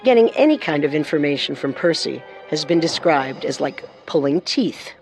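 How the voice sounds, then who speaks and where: Over background music, this co-host narrator of a scripted true-crime show speaks in a deep, expressive voice with a darkish tone. Her delivery stays measured and serious.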